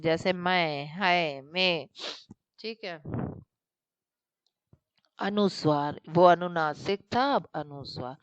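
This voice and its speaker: Slow, patient woman teacher. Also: fairly low pitch, smooth, no room sound, dull audio. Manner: slow, explaining step by step with examples; addresses students directly, checks with "theek hai". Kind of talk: recorded online class lesson.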